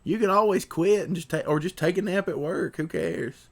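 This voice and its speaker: A man's voice: sits high, moderate pace. A man hosting a casual livestream, reading out viewer messages in a laid-back way. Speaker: livestream host reading chat. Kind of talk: casual joking chat.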